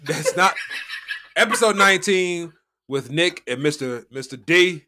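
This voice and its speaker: A man's voice: a little high, lively intonation, a little slow, noisy background. An American man co-hosting a podcast, chatting casually and telling anecdotes in slangy speech, acting out the dialogue. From United States. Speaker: podcast co-host.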